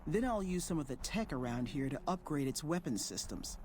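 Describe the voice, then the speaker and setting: An actor playing a polite, measured male scientist in a video game. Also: a little high, lively intonation, a little mellow, slight background noise, lightly acted. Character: calm male scientist from an aid group.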